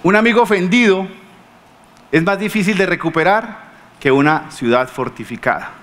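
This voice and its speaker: A man preaching a sermon in a Colombian accent, telling stories lively and acting out the people he quotes, often asking the congregation questions. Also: sits high, moderate pace. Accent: Colombian Spanish. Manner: animated storytelling, acting out quoted speakers.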